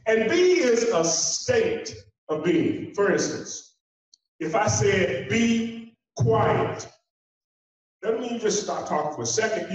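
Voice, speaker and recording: A man in his forties giving a motivational keynote speech on a conference hall stage, walking about as he talks and using emphatic, repetitive phrasing with dramatic pauses. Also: sits high. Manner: walks the stage while speaking. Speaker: keynote speaker. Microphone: handheld mic heard through a distant camera. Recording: echoey hall from far off, dull sound.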